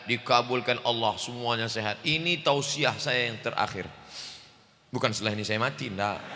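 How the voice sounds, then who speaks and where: A man preaching a humorous sermon at a large mosque gathering, loud and booming, joking and acting out little dialogues into a handheld microphone. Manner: jokes and acts out little dialogues. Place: large mosque event with crowd. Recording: long hall reverb.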